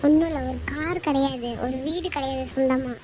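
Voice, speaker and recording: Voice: sits high, fairly even intonation, fairly quick, darkish tone, slight background noise, lightly acted, poor audio. A performer voicing a young woman in a homemade cartoon, ending a relationship in a cold, curt, decisive way. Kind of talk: amateur cartoon voice acting.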